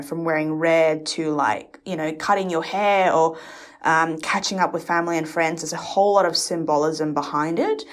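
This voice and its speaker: Young woman from Indonesia, podcast co-host, lowish voice, casual rambling chat full of hesitations. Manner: rambling, hesitant, with frequent "um" fillers.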